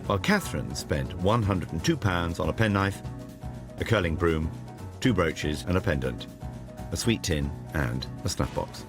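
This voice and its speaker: A man's voice: deep voice, expressive, moderate pace, over music. A man reading scripted television voice-over narration in a wry, playful way. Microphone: studio voice-over.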